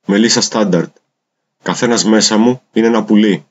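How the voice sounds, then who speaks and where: A man reading translated poems aloud in a measured, deliberate recitation. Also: fairly low pitch. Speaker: poetry reader. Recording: dull lo-fi recording.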